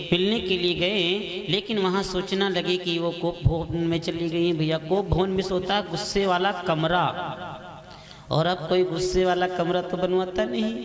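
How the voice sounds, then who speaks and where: High, unhurried male devotional storyteller. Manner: alternates melodic singing with lively folksy narration. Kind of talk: sung and spoken scripture recital. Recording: roomy hall with live folk music.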